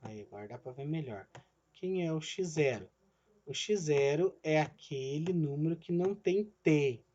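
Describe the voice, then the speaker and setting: A man's voice: medium pitch, darkish tone, dull audio. A male physics teacher gives a recorded online lesson. He explains each step and checks in with "né?" and "certo?", and he calls himself the teacher in the third person.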